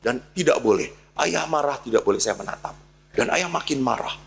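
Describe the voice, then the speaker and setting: Gravelly priest telling a story. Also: male voice, mid-range voice, brisk. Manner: animated storyteller, acts out dialogue. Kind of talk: storytelling sermon.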